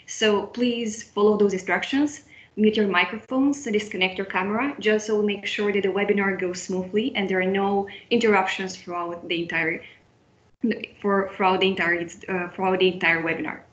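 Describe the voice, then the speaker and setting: A friendly young Moldovan woman leads an online student webinar, frequently restarting and repeating what she says. She keeps a moderate pace with a medium, fairly even, fairly bright voice. The audio comes over a video call and sounds roomy and dull.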